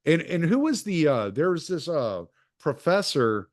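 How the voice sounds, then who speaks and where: A man hosting a casual interview podcast, talking in an opinionated, lively way. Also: a little high, measured pace, dry recording, studio quality. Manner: opinionated, animated when quoting others. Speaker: podcast host. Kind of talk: casual conversation.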